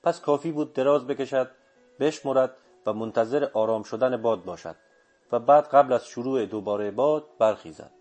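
A man reading a first-person story aloud in a steady, measured narration. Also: mid-range voice. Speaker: audiobook narrator. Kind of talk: scripted literary narration. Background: faint music.

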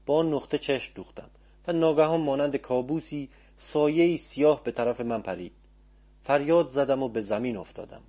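A man narrating an audiobook in a calm, measured storytelling manner. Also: mid-range voice.

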